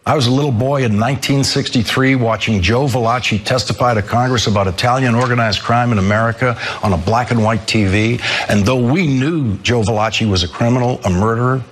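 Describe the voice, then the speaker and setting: A husky-voiced man in his sixties anchors a news show, delivering a scripted commentary with measured, emphatic pacing and repeated phrases for weight. His pitch sits in an ordinary middle range. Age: 60s. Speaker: news host. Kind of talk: televised commentary monologue.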